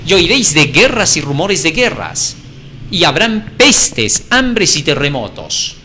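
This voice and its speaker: A man's voice: a little high, very animated, a little slow, sharp tone, slight background noise. A man preaching a sermon, reading scripture dramatically and asking rhetorical questions.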